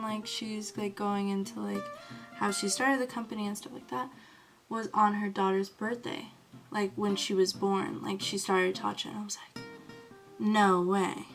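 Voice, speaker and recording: A woman vlogging casually about skincare, gushing and excitable, with "like" in almost every phrase. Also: medium pitch. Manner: gushing, excitable, fills talk with "like". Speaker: beauty vlogger. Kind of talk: casual storytelling to camera.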